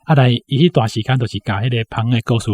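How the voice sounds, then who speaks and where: As an interview guest, a university academic in his sixties with a Taiwanese accent informally recalls personal memories, often tacking little tag particles onto his phrases. He talks fast in a mid-range, darkish voice, with music in the background.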